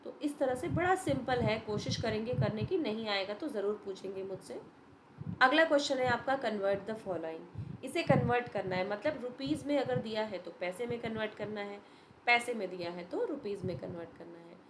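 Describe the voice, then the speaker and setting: A woman's voice: a little high, normal speed, background noise. A woman teacher giving a patient, step-by-step revision lesson to young students, mixing Hindi and English. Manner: patient, explains step by step, addresses students as beta.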